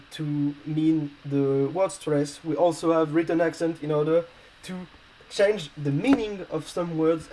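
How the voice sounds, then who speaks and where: A male Spanish teacher explaining a grammar lesson in non-native English, pausing often with filler sounds and small slips. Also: on the high side, dark tone, rough recording. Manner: hesitant, many pauses and filler sounds.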